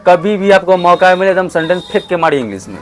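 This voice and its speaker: A man teaching English in a classroom, calling out prompts loudly and saying model phrases slowly for his students to repeat. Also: high-pitched, expressive, a little hiss or hum. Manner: loud call-and-response prompting, slow drawn-out model phrases. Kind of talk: classroom lesson.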